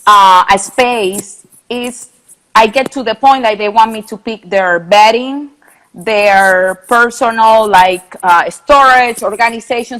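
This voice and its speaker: A woman's voice: mid-range voice, fairly bright tone, rough recording. A woman from Venezuela, a Spanish speaker and interior designer talking in a live online interview, friendly, laughing easily, in short pieces of sentences. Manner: friendly, laughs often, talks in short fragments. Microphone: video call.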